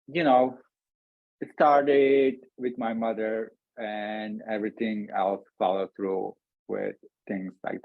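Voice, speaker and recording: A man from Turkey, a guest speaking softly and haltingly, with small grammar slips. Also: lowish voice, dry recording. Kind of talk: casual interview talk. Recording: tinny phone-like line, dry.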